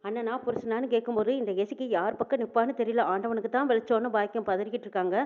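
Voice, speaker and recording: A woman's voice: fairly high pitch, fairly even intonation, rapid-fire, phone-quality sound. A woman narrating a recap of a TV serial episode, quoting each character in turn. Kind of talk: fast scripted recap narration.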